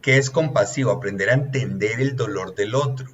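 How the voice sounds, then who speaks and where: A man's voice: lowish voice, fairly quick, dull audio, slight background noise. A man, a relationships consultant giving an earnest, teacherly coaching talk that lists points one by one.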